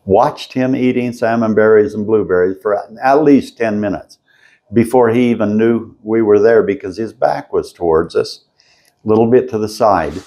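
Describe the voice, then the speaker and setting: An older man telling his story as an interview guest at a convention, slow and halting, often stopping to clear his throat. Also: on the low side, mellow. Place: convention floor.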